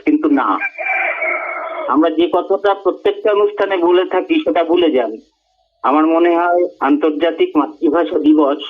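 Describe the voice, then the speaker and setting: A man gives an earnest radio talk as a guest speaker, making his points in measured, emphatic phrases. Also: a little high. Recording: tinny phone-like radio audio.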